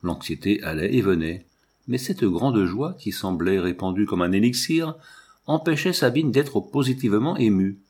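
A man narrating a novel as an audiobook reading, in a measured literary way. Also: lowish voice, lively intonation, a little mellow, husky.

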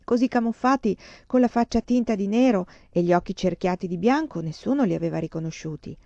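A woman reading a children's novel aloud, with calm, even narration. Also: medium pitch, brisk, no room sound. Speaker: reader. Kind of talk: storybook reading. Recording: dull dry lo-fi sound.

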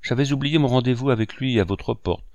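A man's voice: mid-range voice, brisk, darkish tone, no echo, highs cut off, pitched above the performer's own voice, close to an everyday voice. A man voicing an eager, courteous young man in a storybook reading. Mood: earnest.

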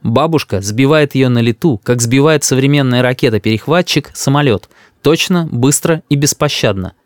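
A man narrating a humorous story aloud in a wry, expressive way. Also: mid-range voice, moderate pace, dry recording, studio quality. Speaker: audiobook reader.

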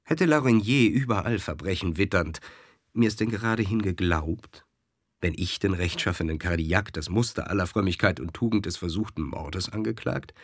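A man's voice: low-pitched, animated, moderate pace, dry recording, clean studio sound. A man voicing a proud army officer who speaks earnestly and with emphasis. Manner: earnest, emphatic soldierly speech.

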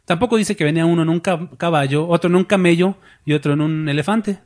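A man preaching a sermon as pastor, lively, asking the congregation questions and acting out voices. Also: a little high, quick pace.

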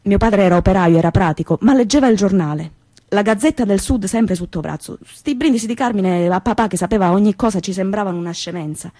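An actress with a Calabrian accent playing a young woman from Reggio, telling her memories in a lively, colloquial theatrical monologue. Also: mid-range voice, quick pace, no echo, studio quality, natural voice. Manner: lively storytelling, repetitive and colloquial.

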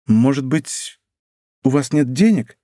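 A male audiobook reader voicing a tender, fearful young woman in a hushed, worried tone. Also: medium pitch, expressive, takes it slowly, no echo, studio quality. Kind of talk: audiobook character reading.

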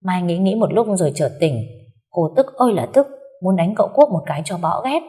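A woman narrating a romance story aloud in a gentle, steady storytelling manner. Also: fairly low pitch, a little fast.

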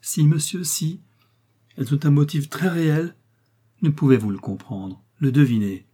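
Guy putting on a shaky teary old maid lady, higher than his own voice, husky, storybook. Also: animated, moderate pace, dark tone. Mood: tearful confession. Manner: trembling, sobbing pleas. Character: nervous aging woman servant, tearful.

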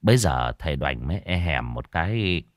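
A man narrating a ghost story in a lively, folksy, colloquial way. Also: rumbling low, normal speed, no room sound, studio quality.

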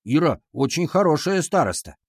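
A man voicing a lively, clumsy fifth-grade boy, excited and cheeky. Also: on the high side, moderate pace, slightly rough, dry recording, clean studio sound, pitched above the performer's own voice, exaggerated voice.

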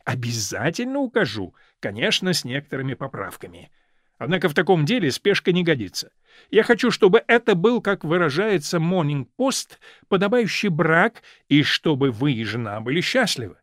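A man's voice: a little high, very animated, normal speed, no echo, studio quality, voice pushed up. A man reading aloud and voicing a chatty, meddling older society lady who plays matchmaker, in a fussy, teasing manner. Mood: eager.

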